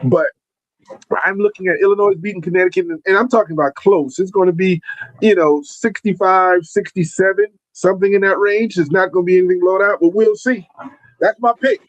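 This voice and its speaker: A man's voice: high-pitched, fairly even intonation, brisk, no echo. A man in his forties co-hosting a podcast, chatting casually about sports in a laid-back, rambling way. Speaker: podcast co-host. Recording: dull lo-fi sound.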